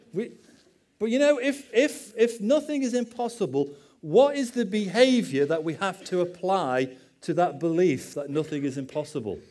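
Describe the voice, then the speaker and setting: A man's voice: high voice, a little mellow. A middle-aged man, a pastor giving a conversational sermon with personal stories and self-deprecating asides.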